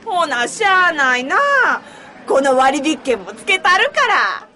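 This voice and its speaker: A woman's voice: high voice, very animated, measured pace, pushed and bright, a little hiss or hum, full character voice. A woman voicing a pushy middle-aged Osaka street vendor auntie with a Kansai accent in a comic radio skit, with brash haggling sales patter. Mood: pushy salesy.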